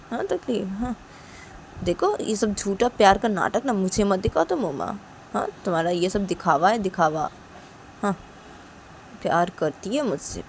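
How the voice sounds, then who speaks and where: A woman's voice: mid-range voice, vocal fry, a little mellow, a little hiss or hum. Bitter hurt young woman, voiced by a woman, cold, accusing, repetitive, storytelling. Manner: cold, accusing, repeats herself.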